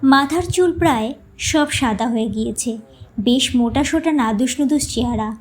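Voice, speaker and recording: A woman narrating a short story in a calm, measured reading. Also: on the high side. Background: soft background music.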